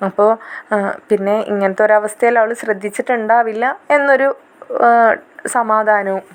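A woman's voice: mid-range voice, steady tone, normal speed, smooth. A young woman chattily retelling the plot of a drama in casual, conversational narration. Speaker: storyteller.

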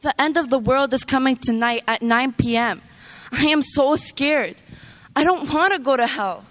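A woman's voice: high voice, normal speed, fairly bright tone. A girl playing a frightened young woman full of doubts. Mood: scared. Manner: anxious, pleading, repeats words. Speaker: lead in a church play. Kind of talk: stage play monologue.

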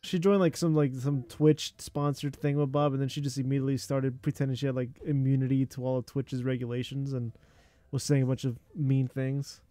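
A man's voice: mid-range voice, level tone, brisk, dark tone, no echo, soft background music. A man streaming casual reaction commentary, rambling and profane with many fillers.

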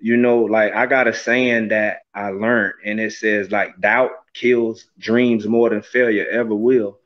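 A Floridian gospel recording artist in his thirties is interviewed over a video call from a small room, speaking earnestly and reflectively with many "you know"s. His voice is lowish, fairly even, and a little slow, captured close on a webcam with slightly dull lo-fi audio.

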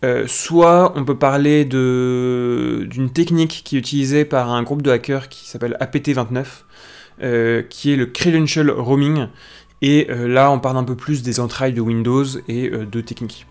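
A man's voice: medium pitch, steady tone, normal speed, smooth. A man hosting a casual morning live stream on news, just waking up and talking with many hesitations and restarts. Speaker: livestream host.

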